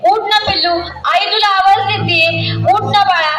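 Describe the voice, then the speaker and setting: A woman's voice: extremely high pitch, normal speed, highs cut off, music in the background. A woman playing an anxious young village mother who pleads and cries in a drama. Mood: desperate. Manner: pleading, crying. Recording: echoey room, distant mic, noisy.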